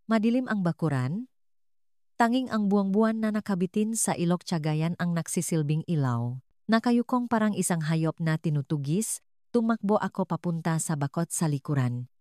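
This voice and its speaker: A woman narrating a dramatic first-person story in an earnest, measured manner. Her voice sits low, and the recording is dry with no room sound. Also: a little mellow, no room sound.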